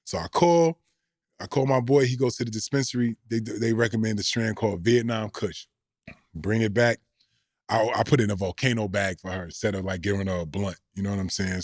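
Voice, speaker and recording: A man's voice: lowish voice, steady tone, brisk, dry recording, studio quality. A middle-aged man, a former pro basketball player, telling slangy, rambling stories as a podcast guest. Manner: laid-back, slangy, rambling. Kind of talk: casual storytelling.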